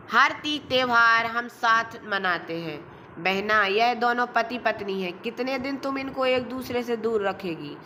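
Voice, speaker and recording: A woman's voice: a little high, pushed and bright, slight background noise. A woman voicing a blunt, bossy older aunt in a storybook reading, firm and outspoken.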